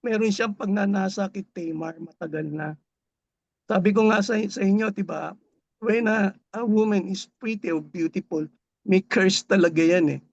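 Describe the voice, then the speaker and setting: High, gravelly man in a dull call. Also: moderate pace, dry recording. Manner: mixes Tagalog with English, repeats and restarts. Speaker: Bible study group member. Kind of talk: casual Bible discussion.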